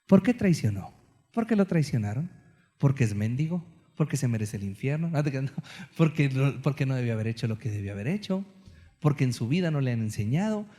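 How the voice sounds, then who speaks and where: A man in his thirties with a Mexican accent, preaching a sermon as an animated, joking storyteller. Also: mid-range voice, a little fast.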